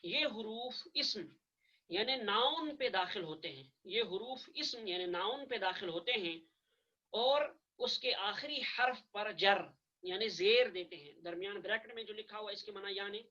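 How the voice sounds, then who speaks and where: Patient male teacher, bright lo-fi voice. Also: high-pitched, normal speed. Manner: patient, repeats and spells out each point. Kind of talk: online classroom lecture. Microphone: video call microphone.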